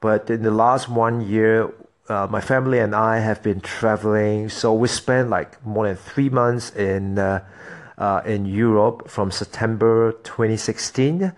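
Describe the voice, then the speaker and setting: A man's voice: on the low side, steady tone, unhurried. A man from Singapore, hosting a solo podcast and talking to his listeners in an earnest, motivational way. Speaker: podcast host.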